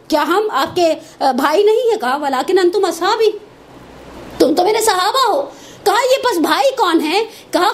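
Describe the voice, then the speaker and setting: A woman giving a religious lecture to women, talking conversationally with personal asides and recited Arabic quotations. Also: very high-pitched. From Pakistan.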